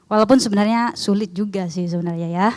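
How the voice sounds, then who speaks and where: A woman's voice: mid-range voice, fast, darkish tone. A young woman, a foreigner speaking Indonesian with a foreign accent, presenting research informally and often putting questions to her listeners. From outside Indonesia. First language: not Indonesian.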